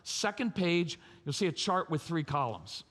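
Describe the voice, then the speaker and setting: Lively man speaking in an echoey hall. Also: fairly high pitch, a little slow. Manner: lively, humorous, addresses audience directly. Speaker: parenting conference speaker. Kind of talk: live conference talk. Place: large church or conference hall. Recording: reverberant conference hall.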